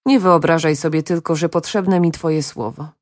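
A woman's voice: sits low, moderate pace, a little mellow, no room sound, studio quality, close to an everyday voice. A woman reading the part of a cool, sardonic young woman speaking offhandedly, in an audiobook. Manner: offhand and dismissive.

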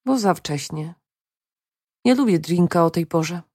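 A woman's voice: fairly low pitch, animated, a little slow, warm tone, dry recording, studio quality. A woman reading the part of a cool, sardonic young woman speaking offhandedly, in an audiobook. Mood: dismissive. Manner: offhand and dismissive.

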